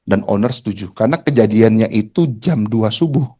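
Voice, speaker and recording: Man, motivational speaker, casual slang, animated storytelling, acts out voices. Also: on the low side, fairly quick, slightly rough. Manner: colloquial Jakarta slang, animated, mimics voices. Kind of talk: storytelling talk to an audience.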